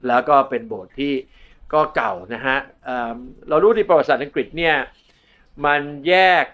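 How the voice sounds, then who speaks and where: A middle-aged man in casual conversation, explaining history and art in a digressive lecturing way, slowly stretching out foreign words. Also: medium pitch, animated, dull audio. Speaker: art history scholar and co-host.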